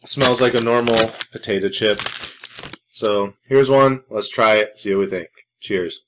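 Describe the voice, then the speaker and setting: A man's voice: lowish voice, unhurried, a bit bright. A man hosting his own snack review vlog, talking casually with dry sarcasm and rambling asides. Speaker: food reviewer host.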